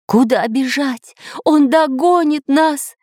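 A woman voicing an excitable male professor in a storybook reading, with urgent, eager exclamations. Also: deep voice, a little slow, no room sound, studio quality. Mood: alarmed.

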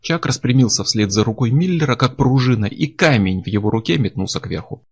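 Husky male audiobook narrator. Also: mid-range voice, lively intonation. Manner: measured, dramatic reading.

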